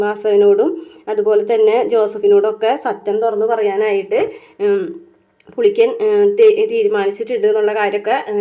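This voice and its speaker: Fast chatty woman recapping. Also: on the high side, warm tone. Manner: chatty, many fillers and tag words. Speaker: serial recap vlogger. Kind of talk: casual episode recap.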